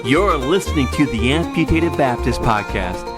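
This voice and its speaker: Guy doing a bouncy show intro, voice swings up and down, loud country fiddle playing under him. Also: mid-range voice, moderate pace. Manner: lively, building up the host's name. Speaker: show announcer. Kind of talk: announcer intro. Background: loud country fiddle and banjo music.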